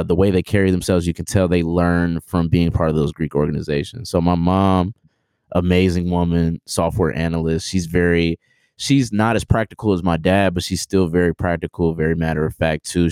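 A man in his twenties, a podcast guest, talking in a relaxed, rambling, slangy way with many fillers and restarts. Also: deep voice, normal speed, smooth, dry recording. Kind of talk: casual interview chat.

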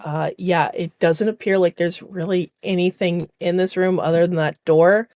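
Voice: mid-range voice, fairly even intonation, normal speed, darkish tone, dry recording, clean studio sound. A game master narrating a tabletop roleplaying game in a casual, sweary way, sex not obvious from the voice. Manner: casual, profane.

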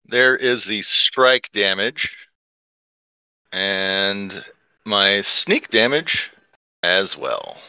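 A man's voice: fairly low pitch, expressive, extremely slow, pauses often, sharp tone, clean tone, dry recording, muffled recording. A man playing a tabletop role-playing game, talking through his moves with fillers and the odd swear. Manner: hesitant, swears, many fillers. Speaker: player. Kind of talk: tabletop game play, casual.

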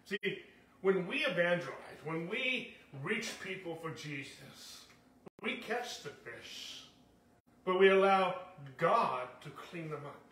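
A man's voice: sits high, lively intonation, slow, fairly bright tone. A man teaching a conversational sermon to a congregation, telling stories and often backing up to restart his sentences, recorded from a distance in a church meeting hall. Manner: storytelling, often backs up and restarts. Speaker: Bible teacher.

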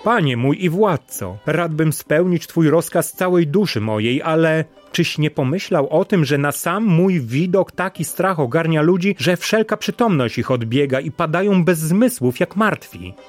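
A man's voice: fairly high pitch, expressive, moderate pace, hardly any pauses, faint music behind, lightly acted. A man voicing a fearsome but loyal male sea dragon in a storybook, speaking humbly and earnestly.

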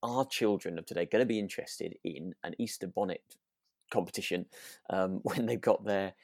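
A deep-voiced man co-hosts a casual radio drama review podcast, agreeable and a little hesitant, chuckling often. His slightly mellow voice comes at a moderate pace in clean studio sound without echo.

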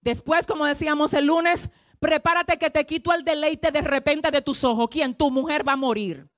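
High-voiced woman preaching a sermon. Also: steady tone, moderate pace, no room sound, clean studio sound. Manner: preaching with call-and-response to the congregation; swings from hushed asides to loud shouted proclamations. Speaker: pastor.

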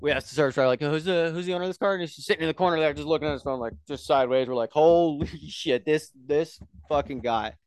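A young man co-hosting a casual podcast chat, telling animated stories and swearing freely. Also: on the high side, racing, few pauses, clear, resonant tone, dry recording. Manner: animated storyteller, swears freely, acts out quotes. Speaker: podcast co-host.

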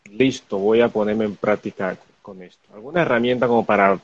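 Halting male host on dull audio. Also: fairly low pitch. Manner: halting, with frequent restarts. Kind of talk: casual interview chat.

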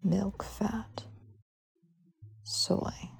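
A woman hosting a sleep podcast, whispering slowly and softly as she reads lists item by item. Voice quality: breathy, husky whisper. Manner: slow soft whisper, reading list items one by one. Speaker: podcast host.

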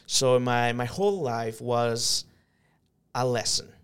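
A company manager from El Salvador, appearing as an interview guest, tells his life story in an earnest, reflective way with hesitant fillers. He speaks slowly, his medium-pitched voice clean in tone.

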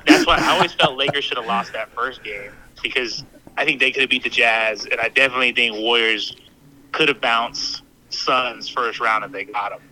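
A man on a phone call played through a speaker, chatting casually about sports as a guest and stating his views with calm confidence. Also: medium pitch, normal speed. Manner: relaxed, sure of his opinions. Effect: heard over a phone on speaker. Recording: phone speaker audio, a bit distant.

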